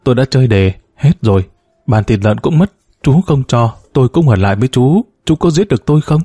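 A man's voice: medium pitch, animated, brisk, dark tone, slightly rough, no room sound, studio quality. A man voicing a desperate middle-aged woman who pleads tearfully in a spoken story. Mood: pleading.

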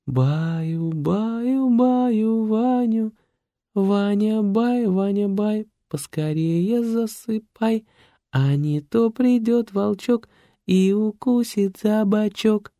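A man's voice: high voice, very animated, slow, mellow, no echo, studio quality, voice pushed up, exaggerated voice. A man voicing a tender, sing-song female mattress program in an audiobook. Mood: lullaby.

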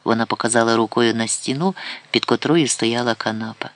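Gravelly male audiobook narrator. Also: mid-range voice, fairly quick, fairly bright tone, dry recording. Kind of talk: scripted narration.

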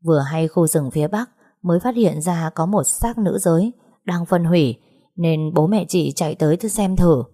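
A composed young village teacher speaks in a low, warm, steady voice, as a woman narrator reads her. She is calming and patient. It is audiobook storytelling. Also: moderate pace, close to an everyday voice.

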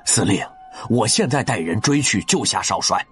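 A man's voice: on the low side, animated, normal speed, a bit bright, faint music behind. A man voicing a wily, theatrical male subordinate officer in an audiobook, speaking eagerly. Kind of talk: audiobook character voice.

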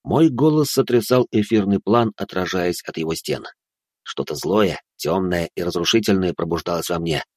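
Low-voiced man narrating a dark fantasy audiobook. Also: lively intonation, moderate pace, no echo, studio quality.

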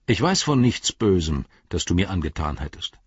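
A man voicing a gentle, merciful young hobbit who speaks earnestly, in a dry, slightly dull recording. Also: low voice, very animated, moderate pace, slightly rough, no echo, heavily acted.

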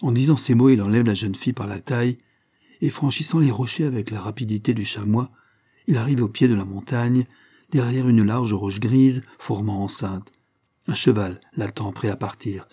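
A man reading a historical novel aloud as narrator, measured and literary. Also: mid-range voice, mellow, husky, no echo, studio quality.

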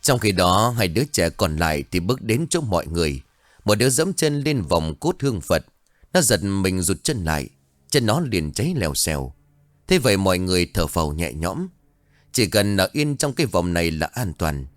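A man narrating a scripted horror story in an expressive, dramatic way. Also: low-pitched, normal speed, no echo.

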